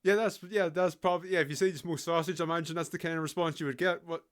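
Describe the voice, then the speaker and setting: A British man reviewing a game in a relaxed, mocking tone, swearing freely between laughs. His voice sits high for a man. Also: very fast. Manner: sarcastic, swears, laughs often. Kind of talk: casual game commentary.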